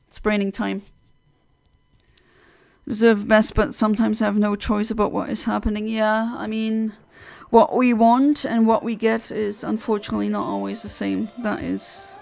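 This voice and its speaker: A woman with a mid-range, gravelly, somewhat dark voice and a non-native English accent is live-streaming a game. She chats casually with viewers, answering chat as she plays, and keeps laughing at her own mistakes. Her talk is chatty and self-deprecating, full of fillers and restarts.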